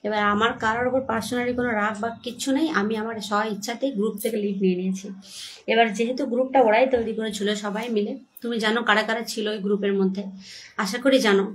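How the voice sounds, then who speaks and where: A woman's voice: on the high side, a little hiss or hum. A young woman, chatting casually to viewers on a livestream from her home phone, still shaken and scared. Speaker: livestream host.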